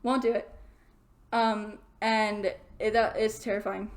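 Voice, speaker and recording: A young woman vlogging in her bedroom, telling a story in a rambling, animated way with lots of filler words. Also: medium pitch, takes it slowly. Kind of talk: casual storytelling to camera.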